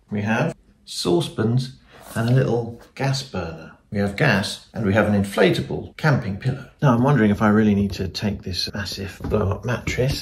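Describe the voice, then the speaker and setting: A man in his forties with a London accent, vlogging casually from his home, rambling and self-deprecating as he films himself on a phone at arm's length. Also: on the low side. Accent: British English (London). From England. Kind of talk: casual self-filmed vlog. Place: home rooms, indoors. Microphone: phone camera at arm's length.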